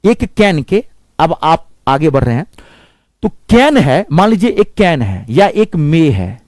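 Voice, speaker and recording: Lively man teaching English grammar. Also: a little high, no echo, low-quality recording. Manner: lively, drills words slowly with repetition and spelling. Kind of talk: classroom-style grammar lesson.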